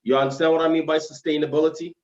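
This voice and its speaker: A man's voice: on the high side, little pitch movement, rapid-fire, darkish tone. A man giving a religious lesson as an Islamic scholar, formal and explanatory, weaving in Arabic phrases, with slightly slurred, heavy-tongued diction. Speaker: Islamic scholar, guest lecturer. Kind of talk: religious lesson in dialogue form. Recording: roomy, dull live-stream sound.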